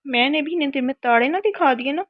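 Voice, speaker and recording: A sharp-tongued young woman held against her will talks back with indignation, as a woman reader puts her on. The voice sits a little high with a gravelly edge, heard in a storybook reading with a dry, dull lo-fi sound. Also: steady tone, no echo, lightly acted. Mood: sarcastic. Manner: indignant, sarcastic.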